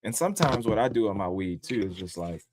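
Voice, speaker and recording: Man, casual livestream host, profane, animated, jumps up into mocking squeals. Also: lowish voice, fast. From born in upstate New York, raised in the DC area. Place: home in Columbus, Ohio.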